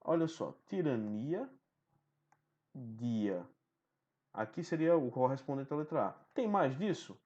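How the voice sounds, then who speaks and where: A man's voice: medium pitch, lively intonation, slow, long pauses, a little mellow. A man teaching a recorded online lesson, explaining step by step and often checking in with the listener. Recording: dull lo-fi sound.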